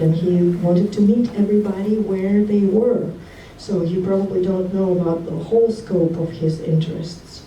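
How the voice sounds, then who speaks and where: A woman from Russia giving a heartfelt, halting memorial tribute speech. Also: medium pitch, warm tone. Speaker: eulogy speaker. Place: memorial gathering hall. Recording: roomy hall from far off, faint noise.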